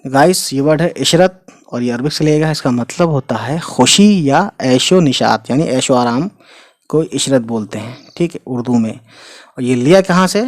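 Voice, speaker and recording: A language teacher, male, explains Urdu words and what they mean while writing them, spelling each letter out slowly and frequently tossing in "ठीक है" and "you know." His voice is mid-range and expressive, with no echo.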